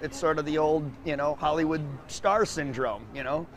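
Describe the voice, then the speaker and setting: A man's voice: a little high, normal speed, fairly bright tone. A man who works as an educator, speaking thoughtfully.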